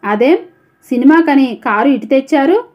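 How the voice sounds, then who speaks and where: A woman voicing a proud, sharp-tongued young wife who answers curtly. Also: sits high, lively intonation, moderate pace. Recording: dull lo-fi audio.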